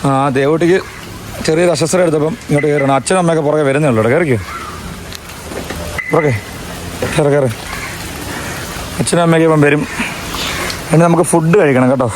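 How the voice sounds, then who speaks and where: A man vlogs casually in a fairly high voice at a very quick pace. He, mixes in English words and repeats himself excitedly. It is a noisy recording from in and around a car. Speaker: family vlogger, host. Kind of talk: casual vlog chat to camera. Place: in and beside a parked car in rain. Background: vehicle and urban outdoor noise.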